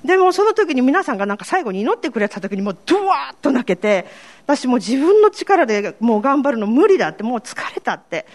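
A woman's voice: sits high, sing-song, fast. A woman with a Kansai accent giving a personal faith testimony to a congregation, telling her story in a candid, self-deprecating way. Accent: Kansai Japanese. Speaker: church member giving testimony.

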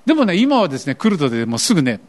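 A man's voice: on the high side, huge pitch swings, racing. An older man preaching a sermon as pastor, asking his congregation questions and acting out the voices he quotes.

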